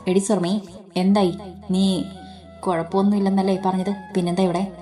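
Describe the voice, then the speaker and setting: Woman doing a caring young husband, soft and coaxing, story read with faint music. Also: medium pitch, level tone, normal speed, natural voice. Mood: worried. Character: young husband, gentle and protective.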